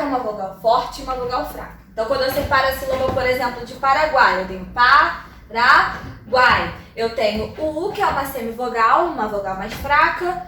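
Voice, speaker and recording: A woman's voice: high voice, pushed and bright, a little hiss or hum. Brazilian woman, teacher, patient step-by-step explaining; recorded from a distance in a very echoey room. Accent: Brazilian Portuguese. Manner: explanatory, checks in with tags like "tá?" and "ok?". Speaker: Portuguese teacher. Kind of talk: classroom lesson. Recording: very echoey room, mic far off.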